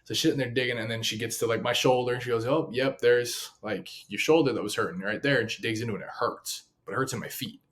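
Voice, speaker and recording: A man's voice: mid-range voice, fast talker, few pauses. A young man co-hosting a casual chat, telling funny stories and acting out the quotes. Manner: animated storyteller, acts out quotes. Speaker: podcast co-host.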